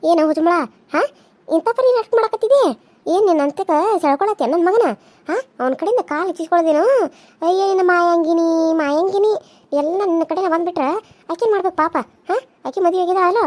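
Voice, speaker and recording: A woman voicing a sharp-tongued older village mother-in-law in a cartoon serial, with a North Karnataka accent, scolding and sarcastic. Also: very high-pitched, quick pace. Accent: North Karnataka Kannada.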